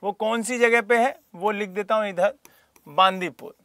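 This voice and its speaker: A man's voice: high-pitched, moderate pace, bright, forceful tone, dry recording. A man teaching a geography lesson for exam preparation, asking rhetorical questions and calling on students by name. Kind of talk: classroom lecture for exam prep.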